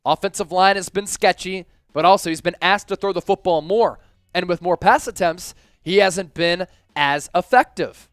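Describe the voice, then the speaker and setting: A man's voice: sits high, clear, resonant tone. A man co-hosting a live sports fan show, chatting casually and jokily with viewers as he reads out their comments.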